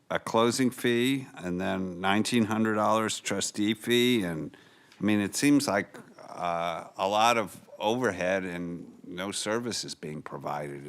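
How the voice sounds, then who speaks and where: A man with a very low voice questions a lawyer from the bench. His questions are skeptical and probing. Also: a little slow, fairly bright tone. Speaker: appellate judge. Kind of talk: questioning counsel. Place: courtroom.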